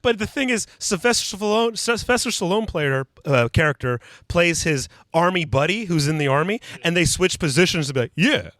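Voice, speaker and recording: Man, podcast co-host, casual chat, lively swooping delivery, dry close sound. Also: high-pitched, fairly quick, hardly any pauses, no echo. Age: adult with young kids. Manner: animated storytelling, acts out quotes.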